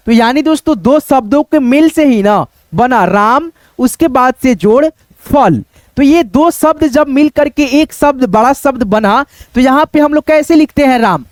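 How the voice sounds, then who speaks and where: A man's voice: very high voice, dry recording. A man teaching a casual video lesson, walking step by step through examples, often calling out to his viewers and asking them questions. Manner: repeats "dosto" and "dekho", asks the viewers questions.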